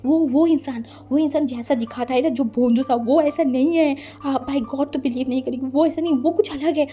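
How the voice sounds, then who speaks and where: A woman reading fan fiction aloud as storyteller, with lively, chatty asides to the listener. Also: high voice, moderate pace, faint music behind.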